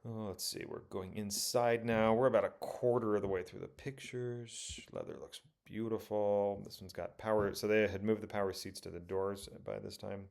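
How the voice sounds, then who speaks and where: Guy with a real low gravelly voice rambling thru car pics, lots of ums. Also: fairly even intonation, normal speed, few pauses, darkish tone. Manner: rambling, self-correcting, many ums. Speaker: car auction reviewer. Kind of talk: casual commentary over photos.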